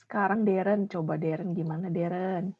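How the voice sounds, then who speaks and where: A woman's voice: on the low side, steady tone, moderate pace, breathy edge. A woman school counselor leading a class discussion, encouraging pupils and repeating their answers back. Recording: dull lo-fi audio.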